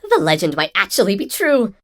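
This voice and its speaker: A woman voicing an earnest, excitable heroic robot in a dubbed cartoon, speaking over background music. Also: mid-range voice, brisk, natural voice.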